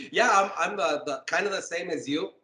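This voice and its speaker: A man's voice: sits high, a little slow, bright, forceful tone, echoey room, poor audio. A Texas-born man raised partly in Mexico, a guest on a podcast, talking in a laid-back, rambling way with lots of fillers. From Texas, USA, raised partly in Mexico. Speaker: podcast guest, metal sculptor. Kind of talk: casual interview chat. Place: home room with fans and air conditioning.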